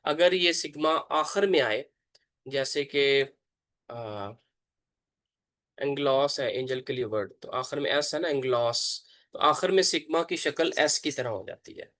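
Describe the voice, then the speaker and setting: A man, a pastor, teaching an online Bible class, slowly pronouncing and repeating letter names for his students. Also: medium pitch, a bit bright, no echo.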